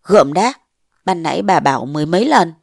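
A woman's voice: lowish voice, animated, fast, creaky, slightly rough, no room sound, studio quality, exaggerated voice. A woman playing a blustering old mandarin. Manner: blustering, scolding. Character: pompous bullying old mandarin, man.

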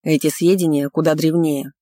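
A man's voice: a little high, flat delivery, moderate pace, dark tone, dry recording, natural voice. A woman voicing a pedantic male court mage who speaks in formal, lecturing phrases. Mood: muttering.

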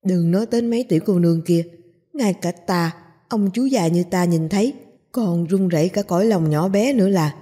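Woman voicing a loud, gossipy bald strongman. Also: on the low side, moderate pace, husky. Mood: gossiping. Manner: loud, gossipy, raises his voice. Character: excitable bald burly middle-aged man.

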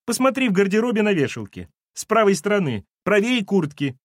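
Guy doing a weepy fussy housekeeper lady, high and sniffly, audiobook read, dry sound. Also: sing-song, a little fast, no echo. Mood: sobbing. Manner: sobbing, apologetic. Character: tearful fussy housekeeper woman.

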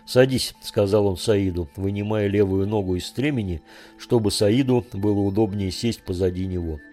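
Low mellow male audiobook narrator. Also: steady tone, faint music behind. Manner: measured storytelling.

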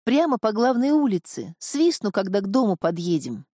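A woman voicing an eager, impulsive young village girl in an audiobook, speaking in a hurried, breathless way. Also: mid-range voice, lively intonation, mellow, breathy edge, no room sound, studio quality.

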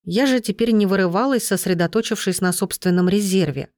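A woman reading a first-person audiobook in a steady, measured storytelling voice. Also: mid-range voice, no echo, clean studio sound. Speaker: audiobook narrator.

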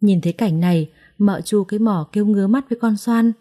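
Female storyteller, dark mellow tone, expressive dramatic narration of a serialized story. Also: mid-range voice, a little fast.

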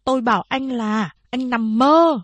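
A woman's voice: fairly high pitch, unhurried, no room sound, voice pushed up, lightly acted. Woman playing an anguished stern mother. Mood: fierce. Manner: pleading, then fierce.

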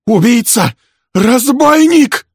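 A man voicing a hysterical, furious woman who shrieks accusations, his voice pushed very high and loud. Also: lively intonation, slow, husky, dry recording, clean studio sound, exaggerated voice. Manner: screaming, shrill.

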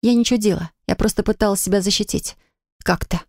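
A woman's voice: medium pitch, brisk, a little mellow, no echo, clean studio sound, close to an everyday voice. A woman voicing a hurt, defiant young pregnant wife who talks in a bitter, reproachful way.

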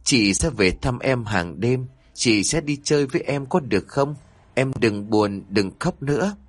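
A man voicing the ghost of a young woman, cold and sad, who speaks softly and slowly with a trembling voice. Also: medium pitch, expressive, husky, no room sound, pitched above the performer's own voice. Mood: soft pleading. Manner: soft, trembling, slow.

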